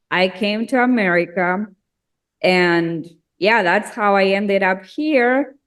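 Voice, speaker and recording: Slow-talking, laughing Argentine-born woman. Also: mid-range voice. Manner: chatty, laughs often, slow and unhurried. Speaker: singer-songwriter guest. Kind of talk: casual interview chat.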